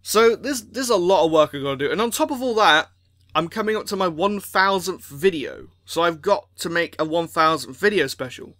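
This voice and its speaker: A man who makes machinima videos, rambling and rushed as he appeals to his viewers, full of restarts and a little out of breath. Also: sits high, lively intonation, pushed and bright, no room sound, studio quality. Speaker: machinima creator.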